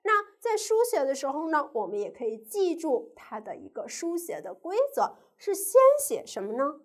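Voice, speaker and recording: A woman's voice: high voice, very animated, moderate pace. A woman teacher giving a primary school pinyin lesson, asking the children questions and drawing out each sound in a sing-song way.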